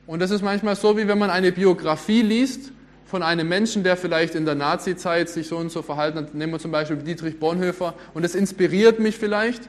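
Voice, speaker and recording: A man delivers a sermon in a loose, conversational way. His voice sits a bit high for a man. He keeps asking the audience questions as he goes. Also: steady tone, a little fast. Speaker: preacher.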